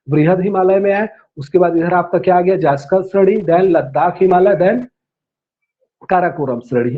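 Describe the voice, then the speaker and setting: A man with a fairly high voice gives a classroom lecture. He repeats each term slowly and spells it out, then checks with his listeners before going on. The sound is dull and lo-fi, like a low-grade online class recording. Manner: checks in with "है ना" and "ठीक है". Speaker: teacher.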